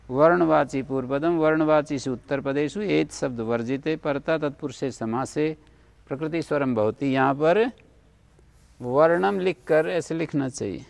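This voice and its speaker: A man's voice: on the high side, gravelly, no echo. A man teaching a Sanskrit grammar class, going through rules one by one and checking whether the students have understood. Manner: explains rule by rule, checks understanding. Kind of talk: classroom lecture.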